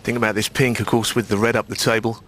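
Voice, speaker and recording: A man giving hushed live snooker commentary in short, unhurried, conversational remarks. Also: fairly low pitch, flat delivery.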